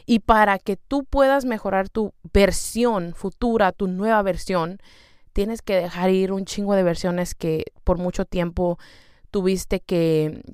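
A young woman with a Mexican accent talks to her listener like a friend, casual and full of slang. Her voice is smooth and clear, with a mid pitch. It is recorded close and dry, with no room sound. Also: fairly even intonation, a little slow, darkish tone, dry recording. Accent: Mexican Spanish. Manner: chatty, slangy, addresses listener directly. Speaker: podcast host. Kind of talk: casual self-help monologue.

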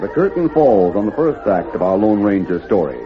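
A man's voice: on the low side, big pitch swings, brisk. An American man narrating a western in dramatic, scripted 1940s radio announcer style. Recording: muffled old radio recording, loud crowd din.

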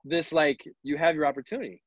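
A male interview host and former sales trainer who fires off quick probing questions. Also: a little high, steady tone, no room sound. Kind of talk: conversational interviewing. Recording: dry, dull lo-fi audio.

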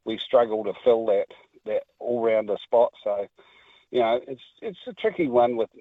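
A man's voice: mid-range voice, moderate pace, no echo. Man with a new zealand accent, heard over the phone, rambling caller, tinny dry line. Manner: rambling, with restarts. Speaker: talkback radio caller. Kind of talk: casual phone-in chat.

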